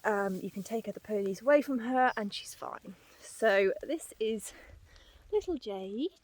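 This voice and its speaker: Out on boggy, hilly paddocks, a woman who keeps horses chats to her vlog as she walks, breathing hard between words. Her voice sits on the high side with a darkish tone, animated yet unhurried.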